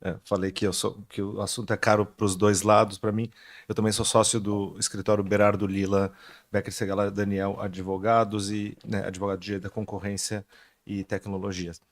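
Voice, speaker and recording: A man's voice: on the low side, little pitch movement, brisk. A man with a Brazilian Portuguese accent, a lawyer on a panel, talking hesitantly with many restarts. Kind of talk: panel talk.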